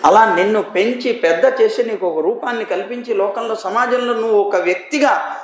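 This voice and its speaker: Man, high-pitched, religious teacher, emphatic sermon, rhetorical questions, echoey room. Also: normal speed, slight background noise. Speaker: religious teacher giving a scripture discourse. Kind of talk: devotional sermon with anecdotes.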